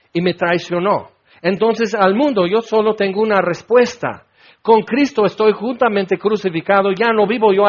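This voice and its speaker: High-voiced preacher, folksy and joking. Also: male voice, muffled recording. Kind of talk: sermon.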